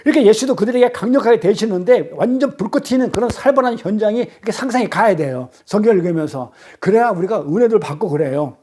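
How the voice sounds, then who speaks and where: High-voiced man preaching bluntly. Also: animated, quick pace, hardly any pauses, mellow. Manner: blunt colloquial preaching, acting out quarrels. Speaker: pastor. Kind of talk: Sunday sermon.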